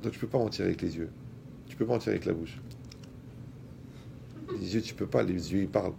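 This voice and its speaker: A man giving a lively talk to an audience. He speaks colloquially, addresses the listeners directly and uses everyday examples. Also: low voice, fairly quick, creaky, noisy background.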